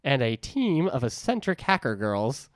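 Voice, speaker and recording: A man's voice: medium pitch, big pitch swings, measured pace, no echo, studio quality. A man with a New England accent, co-hosting a podcast, casually reading book blurbs with jokey asides. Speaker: podcast co-host.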